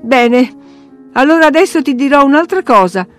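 A woman's voice: a little high, normal speed, soft background music, close to an everyday voice. A woman voicing a sickly, spiteful boy who whines and taunts in a sing-song way, in a read-aloud story. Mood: taunting.

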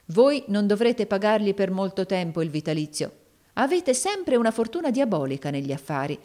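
A woman's voice: mid-range voice, sing-song, moderate pace, warm tone, close to an everyday voice. Woman reading a scornful old moneylender. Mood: scheming. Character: hard, scheming older moneylender man.

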